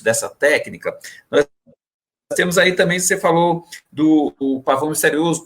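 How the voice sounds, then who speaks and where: A man's voice: on the high side, fairly bright tone. A man hosting a community radio interview, asking long rambling questions. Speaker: radio host. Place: radio studio.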